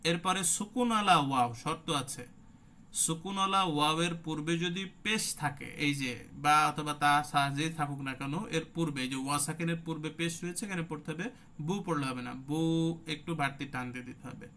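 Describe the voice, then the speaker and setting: A man's voice: fairly high pitch, fast, sharp tone. A man, teaching Quran recitation rules in an online class. He explains step by step, asks questions and answers them himself, and stretches out sounds to demonstrate them.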